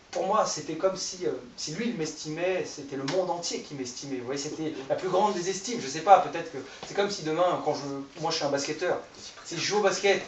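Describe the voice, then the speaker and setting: A man's voice: on the high side, a little hiss or hum. A man in his thirties preaching an informal sermon, conversational and self-deprecating, joking with his listeners. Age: 30s. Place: church hall. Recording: echoey room, voice from far off the mic.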